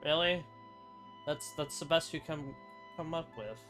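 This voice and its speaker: A woman with a low, fairly bright voice speaks at a measured pace while casually commenting on gameplay. Reacting to the game's story, she tosses out blunt, sceptical, offhand remarks over the game music playing behind her.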